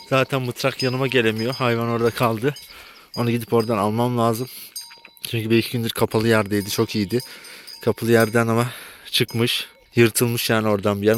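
A man's voice: medium pitch, a little hiss or hum. A man from Turkey talking casually to viewers while herding animals outdoors, chatty, often calling out to his animals. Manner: chatty, exclaims and scolds animals. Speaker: village vlogger. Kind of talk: casual vlog talk to viewers. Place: outdoors in a village pasture.

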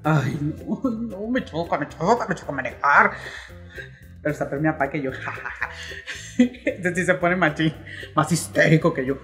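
A woman's voice: low voice, measured pace, a bit bright, soft background music. A middle-aged woman with a Mexican accent, ranting in comic exasperation to her vlog audience, grumbling and mock-outraged. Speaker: vlogger. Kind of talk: comic rant to camera.

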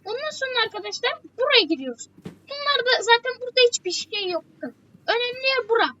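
A woman's voice: very high voice, lively intonation, fairly quick, pushed and bright, dull audio. A woman giving a chatty game walkthrough, repeating her warnings again and again. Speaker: gameplay walkthrough host. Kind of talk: casual game tutorial commentary.

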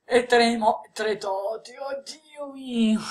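A woman giving excited gameplay commentary as she opens card packs, exclaiming and laughing often. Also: fairly high pitch. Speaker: gaming video creator.

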